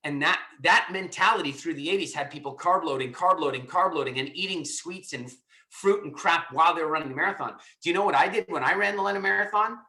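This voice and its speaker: Answering a caller on a live call, this Estonia-based host is emphatic and repetitive, restarting sentences often. He talks fast in a fairly high, sharp-toned voice. The recording is rough and reverberant.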